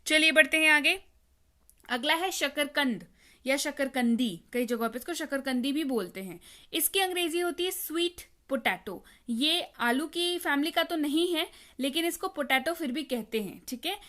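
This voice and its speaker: A woman's voice: high voice, normal speed, sharp tone. A woman gives a patient vocabulary lesson. She says each word twice and asks the listener to repeat it back. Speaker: teacher. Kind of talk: spoken English vocabulary lesson.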